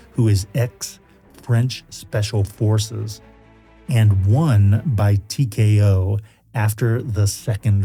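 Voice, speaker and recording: A man with a low, very mellow and dark voice presents a lecture at a slow, deliberate pace. He reads quotations formally and adds casual asides as a lecturer would. Music plays under his voice. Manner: deliberate, quotes sources formally. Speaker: philosophy lecturer presenting a video.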